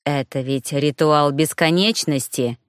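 A woman voicing a young male dark mage who speaks low, restrained and cold. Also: lively intonation, unhurried, no echo, studio quality. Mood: cold anger.

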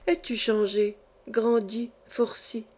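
A woman's voice: a little high, flat delivery, slow pace, darkish tone. A woman voicing an older peasant foster mother in a storybook reading, tender, exclamatory and easily moved. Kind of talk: audiobook character reading.

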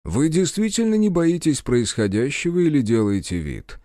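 A man voicing a secretive male hacker who watches patients, speaking calmly, politely and slowly. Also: a little high, no room sound, studio quality, pitched above the performer's own voice. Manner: calm, measured, polite.

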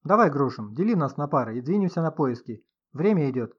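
A man's voice: a little high, big pitch swings, fairly quick, breathy edge, lo-fi sound. A man reading an audiobook, voicing a blunt, impatient, angry man. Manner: curt, irritated.

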